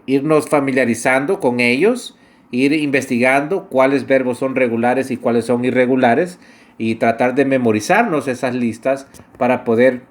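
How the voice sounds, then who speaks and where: A man teaching an English grammar lesson, speaking deliberately and repeating each word for practice. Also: medium pitch.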